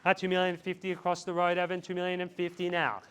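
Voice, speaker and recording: A man's voice: high voice, monotone, fast, a bit bright, clean tone. A man calling a live property auction outdoors, repeating bid figures in a chant and urging buyers on. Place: outdoors in a residential street.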